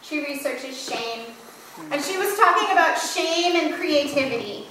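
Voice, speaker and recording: A woman pastor delivers a sermon in a church sanctuary, telling stories in a candid, self-deprecating way. Her high voice is animated, pushed and bright at a measured pace. The recording is very echoey and distant, with slight background noise.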